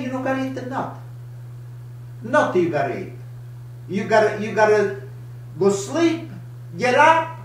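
An older man in his seventies with an Italian accent, hosting a live home cooking show in broken, animated English. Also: high-pitched, distant mic, slight background noise. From Italy. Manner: broken English, lively, gestures a lot. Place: home kitchen, indoors. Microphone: camera across the counter. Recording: echoey kitchen, voice from afar.

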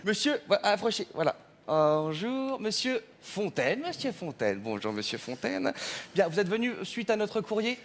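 A man's voice: high-pitched, big pitch swings, moderate pace, a little hiss or hum. A man playing a fussy, mock-polite male census clerk at a counter in a stage comedy sketch, with stammering fillers. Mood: officious.

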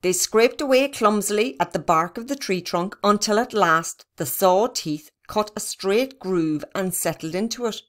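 A woman's voice: medium pitch, unhurried, few pauses. Woman reading a children's story. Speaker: reader. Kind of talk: scripted children's story narration.

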